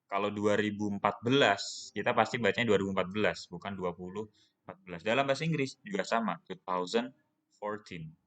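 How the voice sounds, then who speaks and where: Young indonesian guy teaching english, lowish voice, asks himself questions then answers em. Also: brisk, fairly bright tone. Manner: explains patiently, asks and answers his own questions. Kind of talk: recorded online class lesson.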